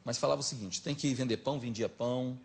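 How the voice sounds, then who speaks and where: A middle-aged man with a Minas Gerais accent, telling anecdotes as a talk show guest in an animated, chatty way. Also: mid-range voice, quick pace, creaky. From Minas Gerais, Brazil. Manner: lively anecdotal, animated retelling. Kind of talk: casual storytelling chat.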